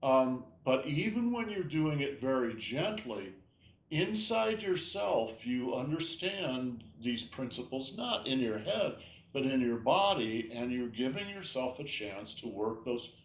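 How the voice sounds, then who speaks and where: A man teaching an online tai chi class, explaining gently and often checking in with "all right?". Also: medium pitch, big pitch swings, unhurried. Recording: roomy echo.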